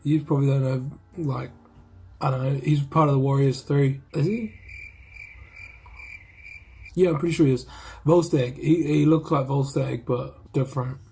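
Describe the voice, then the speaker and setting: A man's voice: mid-range voice, fairly even intonation, moderate pace, creaky, pauses often, warm tone, slightly rough. A man with a New Zealand accent, chatting casually and slangily about a film he reviewed. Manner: laid-back, slangy, rambling with restarts. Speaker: movie reviewer. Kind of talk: casual chat.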